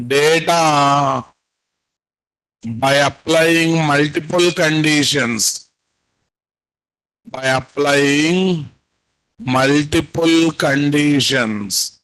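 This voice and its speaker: An Indian programming instructor with a Telugu accent teaches a live online lesson over a video call from an indoor room at his computer, dictating notes slowly. His fairly high voice is a bit bright, the audio is poor, and he repeats phrases and prompts students with questions.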